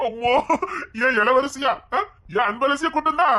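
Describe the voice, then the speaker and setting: A woman's voice: high voice, normal speed, heavy background noise, lightly acted. A woman voicing a doting, fussy old grandfather with a Tirunelveli Tamil accent, calling fondly to the grandchildren in a village comedy skit. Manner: calls out fondly, coaxing.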